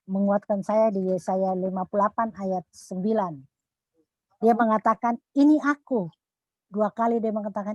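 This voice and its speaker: A woman's voice: mid-range voice, no echo. Older woman giving earnest church testimony. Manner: earnest, halting with frequent restarts, voice dropping soft in prayers. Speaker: congregation member giving testimony.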